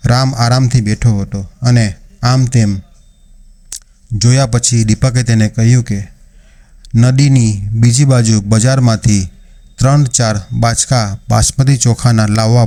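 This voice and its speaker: Man narrating a story, dark voice. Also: mid-range voice. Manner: steady storytelling, voicing characters' quoted lines. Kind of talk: scripted narration of a moral story.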